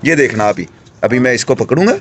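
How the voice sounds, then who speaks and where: A young man hosting a casual pet vlog at home, chatting excitedly and coaxing his animals. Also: mid-range voice, quick pace, a little hiss or hum. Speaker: pet vlogger.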